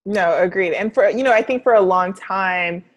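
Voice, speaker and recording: A woman hosting a casual podcast interview, relaxed and quick to laugh, with casual fillers. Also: medium pitch, no echo, muffled recording. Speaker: podcast host.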